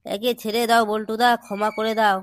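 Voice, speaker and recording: A performer voicing a young friend in a comedy cartoon who coaxes others to calm down. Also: medium pitch, a little fast, no echo, natural voice. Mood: pleading. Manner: coaxing, peacemaking. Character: pleading young male friend.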